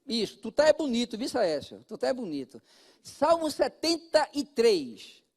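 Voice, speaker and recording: A pastor with a Brazilian Portuguese accent preaches straight to his congregation in a very high voice with huge pitch swings, at normal speed. He moves between loud calls and hushed asides.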